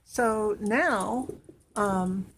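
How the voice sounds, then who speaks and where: A woman's voice: medium pitch, very slow, a bit bright, slight background noise. A young woman chatting casually in a home vlog, upbeat and rambling. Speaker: vlogger. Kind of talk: casual chat.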